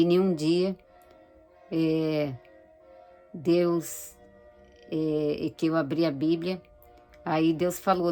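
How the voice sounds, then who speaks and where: A woman giving a personal religious testimony, speaking haltingly and searching for words. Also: low-pitched, warm tone. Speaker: church member giving testimony.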